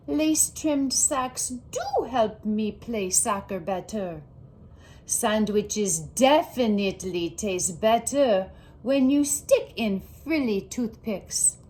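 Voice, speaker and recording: In a storybook, a woman plays an excitable little girl who loves fancy things, speaking in a slightly high voice. Her delivery is dramatic and grandly precious, with an earnest, eager mood.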